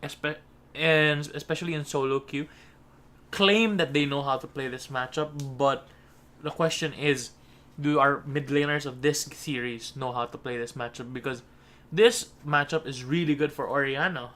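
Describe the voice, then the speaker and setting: A man's voice: on the high side, moderate pace, a bit bright. A man giving color commentary on an esports match, chatty and teasing his co-caster.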